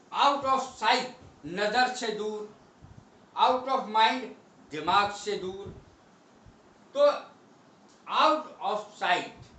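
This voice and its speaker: A man teaching English phrases, reading each example slowly and deliberately, then explaining it briskly. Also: high-pitched, bright, forceful tone, echoey room, recorded from a distance, slight background noise, low-quality recording. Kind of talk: Hindi-language English vocabulary lesson.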